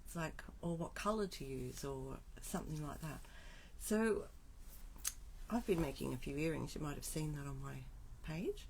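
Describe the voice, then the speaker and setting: A woman from Australia with a low, slightly mellow voice, scratchy from a cold, demonstrates card making on a live stream. She chats casually and talks to herself in asides while she sets up.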